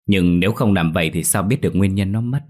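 A man's voice: low voice, quick pace, darkish tone. A man voicing a grieving young man who, choking back tears, insists on finding out why his sister died. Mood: choked, insistent. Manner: choked, insistent questioning. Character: young man, grieving older brother demanding answers.

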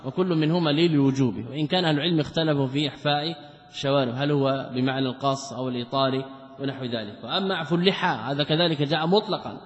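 Male religious teacher, fairly high voice, long hall reverb, reads a text and explains it. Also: rapid-fire. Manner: reads quoted passages, then explains them with rhetorical questions. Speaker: Islamic scholar teaching a text. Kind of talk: religious lesson, reading and explaining a commentary. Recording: muffled, echoey lecture hall recording.

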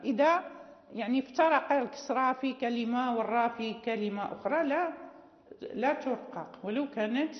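A woman teaching the rules of Quran recitation, explaining patiently and repeating examples slowly with many pauses and fillers. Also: high-pitched. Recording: roomy, reverberant, dull lo-fi recording.

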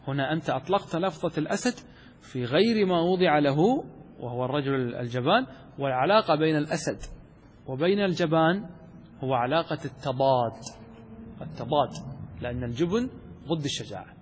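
Sheikh lecturing in a reverberant hall. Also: male voice, fairly high pitch, a little fast, long pauses, a little hiss or hum. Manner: asks rhetorical questions and answers them himself; repeats key terms for emphasis. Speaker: sheikh teaching rhetoric. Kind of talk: classroom lecture on Arabic rhetoric.

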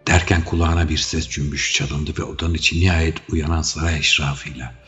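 A man narrating an adventure audiobook in a measured, dramatic reading. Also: extremely low pitch, level tone, fairly bright tone. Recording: dull audio with faint music.

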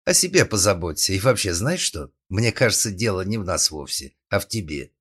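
A man's voice: sits low, sing-song, a little fast, a bit bright, breathy edge, full character voice. A man voicing a brash, tipsy, impulsive young woman in an audiobook, speaking flippantly.

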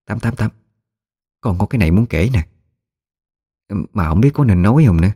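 Timid stammering young delta wife, voiced by a man, a touch higher than his own. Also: lively intonation, brisk, warm tone, husky. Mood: anxious. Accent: Mekong Delta Vietnamese. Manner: hesitant, stammering, polite.

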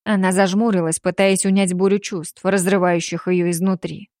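Woman reading a dark fantasy audiobook. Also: on the low side, no room sound, clean studio sound. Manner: steady, measured reading. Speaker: narrator. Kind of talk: audiobook narration.

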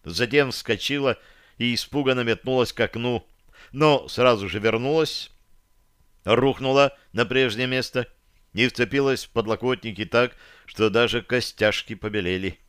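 A man narrates a first-person audiobook in an even, measured way. His mid-pitched voice is smooth and resonant. The recording is dry and close. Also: dry recording.

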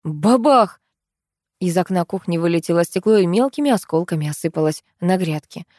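Woman, audiobook narrator, lively dramatic reading, dry close studio sound. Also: lowish voice, quick pace, dry recording. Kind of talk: expressive first-person audiobook reading.

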